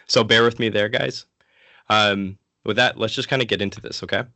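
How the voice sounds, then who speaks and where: A man giving an informal, interactive lecture in a casual, conversational way, sick and low on energy. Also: fairly even intonation, brisk, pushed and bright, dry recording. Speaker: guest lecturer from an online ministry.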